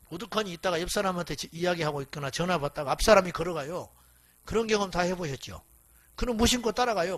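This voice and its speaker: Blunt, high-voiced scolding male pastor. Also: a bit bright. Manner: blunt, scolding preaching with rhetorical questions to the congregation. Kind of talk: revival sermon.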